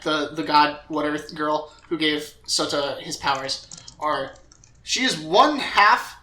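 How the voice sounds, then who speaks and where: A man's voice: a little high, pushed and bright, echoey room. A young man co-hosting a podcast, casually recapping an anime plot with lots of fillers. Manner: rambling recap with filler words and acted quotes. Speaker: podcast co-host.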